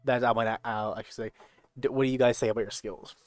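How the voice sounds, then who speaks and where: A man narrating a tabletop game as game master in a halting, informal, slangy way. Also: mid-range voice, fairly even intonation, dry recording.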